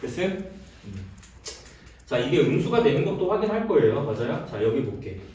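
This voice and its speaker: Lecturing at normal speed in a medium-pitched voice, a male math teacher sounds lively, his intonation rising and falling. Every few lines he stops to ask students briefly if they understand, blending casual and polite speech. He is far from the mic in an echoey classroom, with faint background noise.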